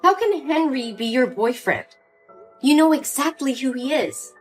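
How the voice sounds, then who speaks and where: A woman's voice: high voice, lively intonation, measured pace. A woman voicing an emotional young daughter pleading with her mother in a story drama, with faint music behind. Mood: upset.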